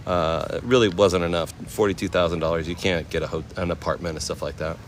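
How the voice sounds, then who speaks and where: A chef and livestreamer from the American West Coast, in his forties, talks quickly in a deep voice with fairly even intonation. He tells stories in relaxed slang to his live viewers while walking around a temple complex outdoors. Noise from the outdoors and passing traffic is present.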